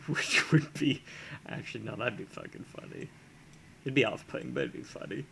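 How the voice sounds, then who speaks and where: A man chats casually on a live stream as he works on a sculpt, thinking out loud and chuckling between half-finished thoughts. His voice sits in a middle register with a gravelly, crackling fry. A faint hiss lies under the desk microphone. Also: medium pitch, very animated, moderate pace. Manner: musing aloud, chuckling often, trailing off with fillers.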